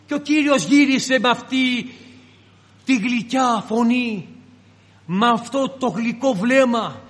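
A man with a very high voice delivers a sermon, telling the scripture story dramatically and slipping into its characters' voices. His words ring out with the long reverb of a large church hall. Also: a bit bright. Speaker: preacher.

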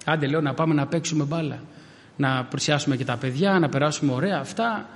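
A man's voice: a little high, long reverb tail. A man preaching a sermon with personal stories, addressing his listeners as brothers and acting out the voices of people he quotes.

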